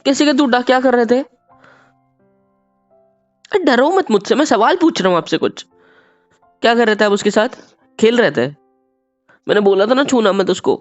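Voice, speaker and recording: A man voicing a fretful husband in an audio couple drama, urging calm one moment and scolding the next. His voice has a gravelly edge and he repeats himself insistently. The recording is dull and dry. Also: sits high, unhurried, long pauses, no room sound, soft background music, full character voice. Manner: urgent, repeats himself, loud when scolding. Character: worried husband, soothing then scolding. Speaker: husband in a romantic call role-play. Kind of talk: scripted couple role-play.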